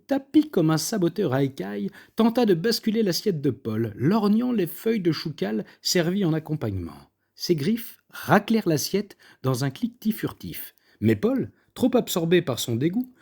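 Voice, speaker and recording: A man reading a comic story aloud with a fairly high voice. He narrates in a lively, theatrical way, leaning into every image. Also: breathy edge.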